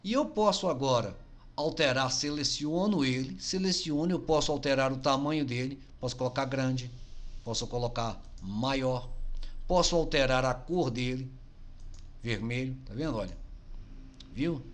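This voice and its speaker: A man explaining a software tutorial step by step, often saying "look" and "see". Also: medium pitch, normal speed. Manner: chatty, keeps saying "olha" and "tá vendo"; step-by-step explaining while clicking. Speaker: blogging tutorial host. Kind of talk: screen-recorded software tutorial.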